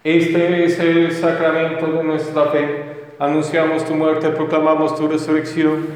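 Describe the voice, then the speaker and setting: A priest recites the prayers of the Mass in a solemn, steady, even line, with his voice sitting somewhat high for a man. His words ring out in a cathedral echo, with a long reverb that fills the large church around him. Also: a little slow.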